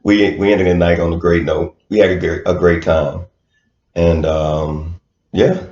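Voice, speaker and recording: Deep-voiced man, laid-back podcast chat. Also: flat delivery, unhurried, darkish tone. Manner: laid-back, hesitant with many fillers, laughs often. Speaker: podcast co-host. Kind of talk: casual chat. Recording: roomy, dull lo-fi sound.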